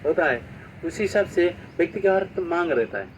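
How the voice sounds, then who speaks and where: A man's voice: a little high, expressive, a little fast. Distant male preacher telling devotional anecdotes. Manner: storytelling, quoting dialogue, rhetorical questions. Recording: distant mic, dull sound, faint street noise.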